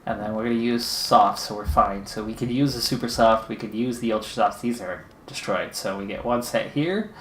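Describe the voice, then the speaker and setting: A man's voice: fairly low pitch, normal speed, few pauses, fairly bright tone, a little hiss or hum. Roomy-sounding man narrating his game. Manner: anxious, pleading running commentary. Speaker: gaming channel host. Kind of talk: let's-play commentary.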